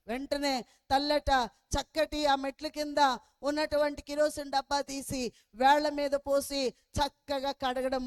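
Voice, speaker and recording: A woman preaching in a story-led sermon, her voice high and clear. She asks her listeners question after question and calls them beloved children of God.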